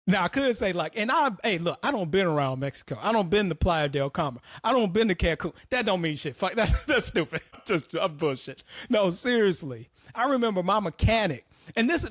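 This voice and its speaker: A man's voice: high-pitched, dry recording, clean studio sound. A man hosting an opinionated commentary monologue, talking bluntly and profanely as he tells stories. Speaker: host.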